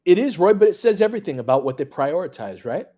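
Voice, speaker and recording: With a high voice full of big pitch swings, this basketball live streamer talks fast in a mellow way, though the audio is dull. A former high school coach, he mixes casual play-by-play with opinionated, sweary fan talk and reacts to plays and chat as a partisan supporter.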